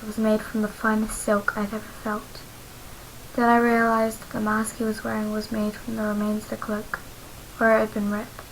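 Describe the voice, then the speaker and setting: A woman reading her own fanfiction aloud in a careful, unhurried amateur style. Her voice sits in a middle register and stays flat and even, with little rise and fall. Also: mid-range voice, slight background noise, rough recording. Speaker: fanfiction reader.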